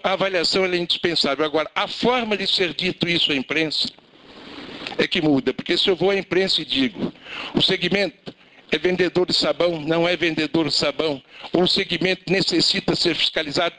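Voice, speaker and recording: A man's voice: fairly high pitch, bright, forceful tone, poor audio. A man representing private school owners, giving a formal, emphatic speech at a public hearing. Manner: emphatic, formal rhetorical speaking.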